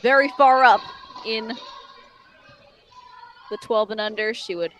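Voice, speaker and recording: A woman from New England doing live tennis commentary, measured and analytical as she breaks down the players' games. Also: on the high side, a bit bright, a little hiss or hum, low-quality recording.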